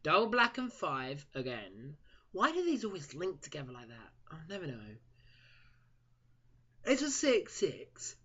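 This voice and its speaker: Chatty male card reviewer, lively up-and-down delivery, dull lo-fi home recording. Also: a little high, moderate pace, slightly rough. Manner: chatty, stumbles over card names and jokes at himself. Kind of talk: casual card review monologue.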